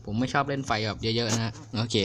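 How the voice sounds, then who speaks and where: A young man casually reviewing a mechanical keyboard, chatty and excitable, a little crude. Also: mid-range voice, fast, a little hiss or hum. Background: clicky keyboard typing.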